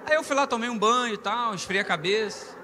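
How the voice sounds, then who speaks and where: Brazilian pastor, high bright voice, animated storyteller, long church reverb, soft music behind. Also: male voice, a little fast, slight background noise. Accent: Brazilian Portuguese. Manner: animated storyteller, rising to loud preaching. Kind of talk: humorous storytelling sermon. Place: church hall.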